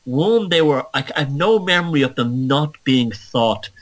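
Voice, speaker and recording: An Irish podcast host with an Irish accent muses through a digressive solo monologue, frequently correcting himself. His mid-range voice has lively intonation and a moderate pace, though the recording is rough.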